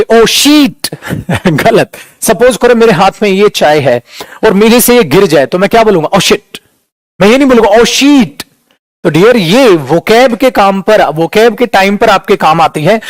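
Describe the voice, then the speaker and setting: A man's voice: high voice, no echo. A man teaching an online English class in a casual lecture style, calling students beta and dear and demonstrating pronunciation.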